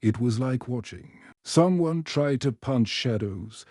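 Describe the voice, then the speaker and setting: A man narrates a science fiction story in a steady, even way. His tone is mellow and dark, mid-pitched. The recording is dry and close. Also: slow pace, no room sound. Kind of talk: scripted narration.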